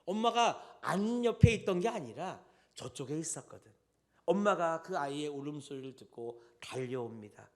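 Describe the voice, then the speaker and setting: A man preaching a Sunday sermon as pastor, swinging between loud and soft and often addressing the congregation directly. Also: a little high, expressive, normal speed. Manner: tells stories with addresses to the congregation.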